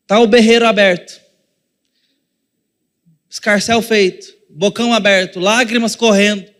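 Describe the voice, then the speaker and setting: A man with a Brazilian Portuguese accent preaches from the pulpit, his voice pitched high for a man. He keeps it chatty, slipping into small acted-out scenes and turning to the listeners to address them directly. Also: a bit bright, big-room sound. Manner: conversational preaching, acting out little scenes. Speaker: pastor. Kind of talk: sermon.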